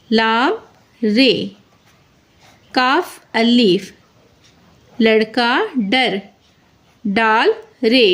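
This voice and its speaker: In her slow dictation lesson, a woman who teaches Urdu writing reads a story one word at a time, calling out each letter as she writes it before repeating the whole word. Her voice is on the high side with a fairly bright tone.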